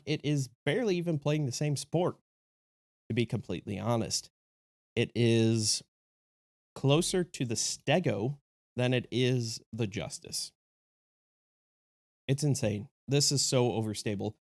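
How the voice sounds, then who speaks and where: A man with a slightly sick, off-sounding voice hosts a casual review vlog. He is chatty and enthusiastic and jokes as he goes. His pitch sits in the middle, and the recording is dry and close, with no room echo. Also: expressive, measured pace, pauses often, a little mellow. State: sick, voice a little off. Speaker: disc golf video host.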